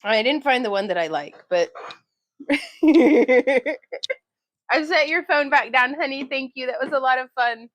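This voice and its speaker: A woman's voice: high-pitched, a little slow, pauses often, dry recording, poor audio. A woman hosting a craft vlog at home, chatting casually and laughing often. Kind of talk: casual chat.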